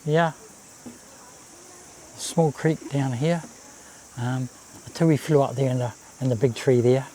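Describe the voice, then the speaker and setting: A man gives casual, unhurried commentary on a nature walk, outdoors by a babbling creek. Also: mid-range voice, warm tone, poor audio. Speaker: walking vlog host. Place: outdoors on a bush walkway and swing bridge by a creek. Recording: outdoor ambience, faint insect noise. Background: cicadas, birds, babbling creek.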